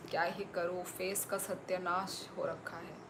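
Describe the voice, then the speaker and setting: On her live stream, a young Tripura woman with a Northeast Indian accent reads out viewers' comments and thanks them in a chatty way. Her voice sits lowish, with a flat, measured delivery over a noisy background.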